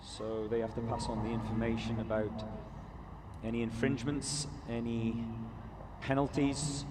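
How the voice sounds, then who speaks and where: A man's voice: mid-range voice, level tone, measured pace. A man commentating live at an outdoor competition, chatty and self-correcting, and talking straight to the viewers watching online. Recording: crowd noise behind.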